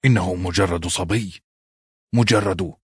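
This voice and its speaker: A male narrator voicing a grave, troubled lord who speaks slowly and heavily. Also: low voice, slightly rough, dry recording, studio quality, full character voice. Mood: angry. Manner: slow, heavy, brooding.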